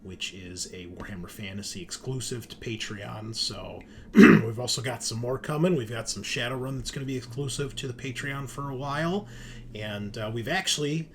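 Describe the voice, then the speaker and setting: With a crowd in the background, a man with a mid-range voice speaks at a moderate pace as host and game master of a tabletop RPG show. He introduces the players in an informal, upbeat, chummy way.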